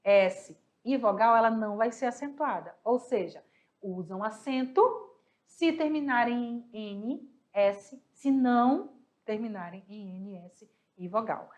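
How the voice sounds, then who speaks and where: A Brazilian woman teaching a class, a little hoarse, patiently asking questions and answering them herself. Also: fairly high pitch, measured pace, a little mellow. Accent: Brazilian Portuguese. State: slightly hoarse, coughing. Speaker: Spanish teacher. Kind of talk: online class explaining exercises.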